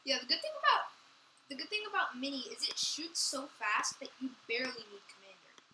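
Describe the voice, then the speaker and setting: A woman's voice: high-pitched, sing-song, fairly quick, background noise. A woman chatting while playing a computer game at home, explaining game stats and questioning her partner. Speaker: gameplay channel co-host. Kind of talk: casual gameplay chat.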